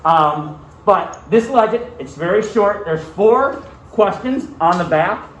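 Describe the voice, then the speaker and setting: A male teacher with a high-sitting, slightly bright voice and lively intonation speaks slowly while giving a read-aloud lesson, checking in often with short questions. The audio is dull, echoey and distant, with faint noise.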